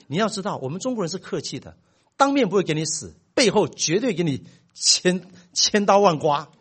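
Middle-aged male pastor, animated preacher whose voice rises and drops widely. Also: sits high, a little fast, breathy edge. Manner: animated storytelling with big swings in loudness. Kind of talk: sermon.

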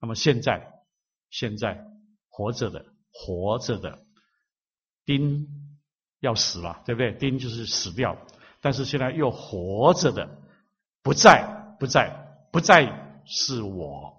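A man preaching a sermon, teaching slowly and repeating phrases for emphasis. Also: medium pitch, lively intonation, fairly bright tone, slightly rough, lo-fi sound. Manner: slow, emphatic repetition of phrases.

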